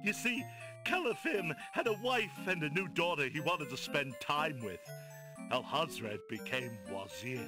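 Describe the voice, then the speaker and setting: An actor playing a silly, theatrical royal court clown in an adventure game, talkative, worried and wistful. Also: male voice, fairly high pitch, lively intonation, a little slow, music in the background. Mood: worried, gossipy. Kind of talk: character voice acting in an adventure game.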